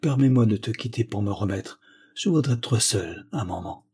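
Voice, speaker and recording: A young woman sunk in despair, murmuring faint and broken words, as a male reader voices her. The tone stays dark and husky, in a storybook reading. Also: fairly low pitch, expressive, normal speed. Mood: distraught.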